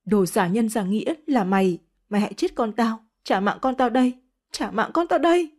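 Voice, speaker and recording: A woman's voice: brisk, darkish tone, close to an everyday voice. A woman voicing a spiteful young woman who curses and wails accusations. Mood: hysterical. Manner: shrill cursing, wailing accusations. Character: vicious spiteful young woman, hysterical mother.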